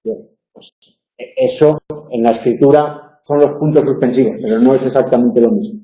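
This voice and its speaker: A man's voice: medium pitch, fairly even intonation, normal speed, dark tone. A man giving a recorded university lecture as a tutor, explaining points and checking for agreement. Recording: echoey room, dull lo-fi sound.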